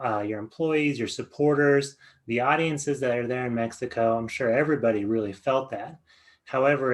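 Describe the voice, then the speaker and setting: A man hosts a podcast interview over a video call. His voice has an ordinary middle pitch. He talks earnestly and rambles, leaning on frequent fillers. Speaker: podcast host. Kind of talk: casual interview talk.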